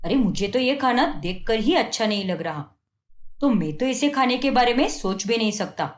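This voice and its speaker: A woman's voice: a little high, expressive, normal speed, natural voice. Woman doing a nagging cartoon husband, always scolding, roomy echo on it. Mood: scornful. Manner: scolding, contemptuous complaints. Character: fault-finding young husband, harsh and demanding. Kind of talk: Hindi cartoon dubbing.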